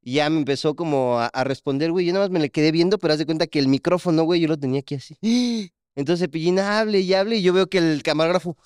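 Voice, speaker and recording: Mexican man telling lively stories. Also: fairly high pitch, fast talker, smooth, dry recording, studio quality. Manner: animated storytelling, acts out quotes. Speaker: podcast co-host. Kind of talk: casual chat.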